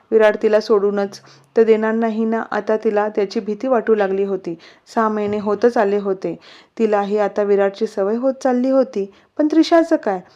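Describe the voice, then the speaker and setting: A woman narrating a romance story in a steady, expressive reading. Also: mid-range voice. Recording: slightly muffled recording.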